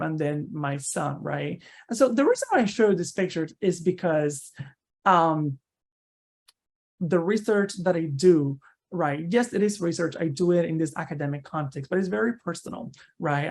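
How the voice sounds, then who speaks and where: Speaking at a fairly high pitch, a man from Cuba who works as a university researcher presents a seminar online via video call. He keeps it conversational, frequently adding "right?" and starting phrases over.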